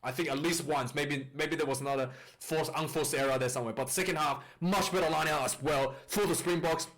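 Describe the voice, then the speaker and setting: A man chats through a rugby match in casual video commentary, rambling with fillers and restarts. He talks fairly quickly in a steady, slightly bright voice on the high side. The recording is distorted and clipping.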